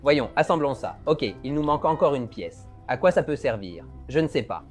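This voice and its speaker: A man's voice: fairly high pitch, sing-song, moderate pace, darkish tone, soft background music. A man who is a gaming youtuber, playing a horror game and joking his way through it while talking back to the game character. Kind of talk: let's play commentary.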